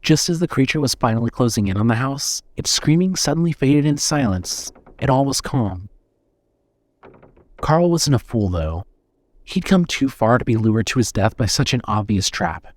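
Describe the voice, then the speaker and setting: A man narrating a horror story in a steady, suspenseful reading style. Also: medium pitch, normal speed.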